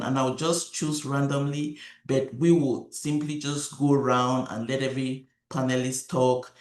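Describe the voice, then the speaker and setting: A man moderating an online panel, upbeat and quick to give thanks over a video call. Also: mid-range voice. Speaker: webinar moderator. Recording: roomy echoey sound.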